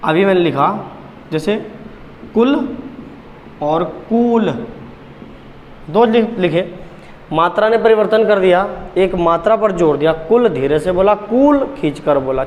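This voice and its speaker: A man's voice: sits high, normal speed, long reverb tail, dull audio, slight background noise. A man teaching Hindi grammar at a board, repeating key points and quizzing the class with questions. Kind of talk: blackboard lesson.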